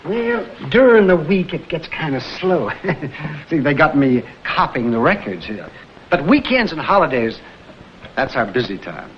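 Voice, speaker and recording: In a vintage detective drama, an actor plays a chatty American morgue attendant who rambles in a folksy, unhurried way. His male voice is on the high side, with big swings in pitch. The old film soundtrack sounds muffled, with faint noise.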